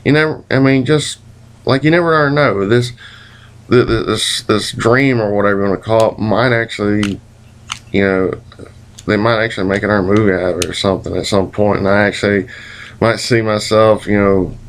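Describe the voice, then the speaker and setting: A man with a lowish voice recounts a dream in a loose, rambling vlog style. He sounds hazy and puzzled as he gropes for words. His phrasing is folksy and colloquial, with some mild swearing. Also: fairly even intonation, moderate pace. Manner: folksy, colloquial, mildly profane. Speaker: vlogger.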